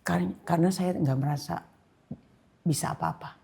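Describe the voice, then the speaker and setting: Husky low-voiced older woman telling her testimony. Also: normal speed. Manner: emotional storytelling, shifting to soft whispers and loud outbursts. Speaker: guest pastor. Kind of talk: personal testimony in a church podcast.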